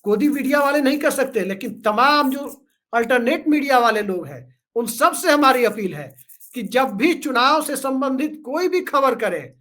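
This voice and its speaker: A man's voice: very high-pitched, pushed and bright. A man speaking as a guest in a political discussion, sarcastic and joking, with storytelling asides.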